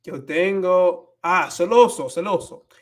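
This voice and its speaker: Slow-talking, slightly high-voiced man streaming. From United States. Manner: switches between Spanish and English, stumbles and searches for words. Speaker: livestream host teaching Spanish. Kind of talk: casual livestream chat reading viewer comments.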